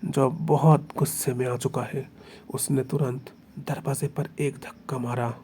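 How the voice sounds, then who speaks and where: A man's voice: medium pitch, little pitch movement, measured pace, dark tone, husky. A man narrating a fan fiction story aloud in a dramatic, emphatic way. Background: faint music.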